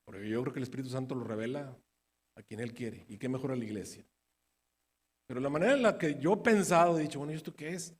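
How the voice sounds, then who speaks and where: A man preaching a Bible study, firing rhetorical questions at his listeners and swinging between emphatic bursts and quiet asides. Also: mid-range voice, fast, breathy edge. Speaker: preacher teaching prophecy. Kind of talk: sermon-style Bible study. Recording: long hall reverb.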